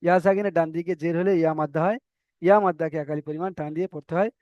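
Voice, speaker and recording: Man teaching quran reading, clear high voice, dry close sound. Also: steady tone, no room sound, highs cut off. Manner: spells out letters slowly, then repeats syllables with drawn-out stress. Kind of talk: step-by-step recitation lesson.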